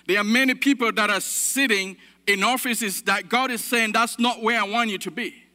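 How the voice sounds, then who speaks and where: A man from Cameroon preaches a sermon, building his points through repeated phrases and asking the room for an amen. His voice sits high for a man and rings very bright. A long reverb of a large hall trails after every phrase. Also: steady tone, normal speed. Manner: preaching with emphatic repetition and calls of amen. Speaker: pastor.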